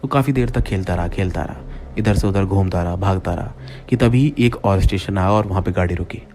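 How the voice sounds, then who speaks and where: A man with a low voice tells a first-person horror story. He keeps addressing his listeners as friends and builds suspense with dramatic pauses. A faint hum of ambience sits underneath.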